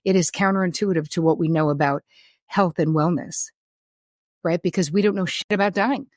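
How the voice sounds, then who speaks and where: A woman's voice: fairly low pitch, fairly quick, darkish tone, dry recording, clean studio sound. A woman hosting a casual interview, talking candidly and informally, with some casual swearing. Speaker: interview host.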